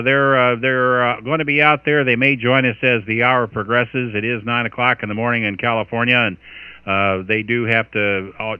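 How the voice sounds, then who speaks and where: A man's voice: fairly low pitch, clear, resonant tone, dry recording, dull audio. An American man working as a radio net controller, making marine radio-style calls with phonetic call signs and casual asides. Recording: band-limited radio transmission.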